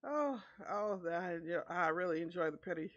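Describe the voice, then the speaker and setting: A woman's voice: on the low side, animated, moderate pace, highs cut off. A woman streamer reading an online story aloud with her own commentary, laughing often between lines. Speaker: VTuber streamer.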